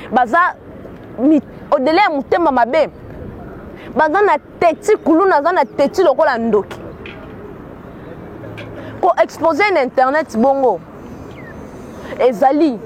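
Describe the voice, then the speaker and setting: A woman from Kinshasa with a Congolese accent speaks in a high voice over a slight hiss or hum. She gives earnest commentary blending Lingala and French, frequently repeating words while searching for the right one.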